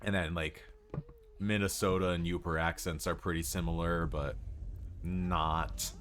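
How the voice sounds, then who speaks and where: A man's voice: deep voice, steady tone, unhurried, fairly bright tone, a little hiss or hum. A man from Wisconsin with a city Midwest accent, rambling casually with lots of fillers and laughs while streaming a game. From Wisconsin, United States. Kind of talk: casual gaming stream commentary. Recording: game music playing underneath.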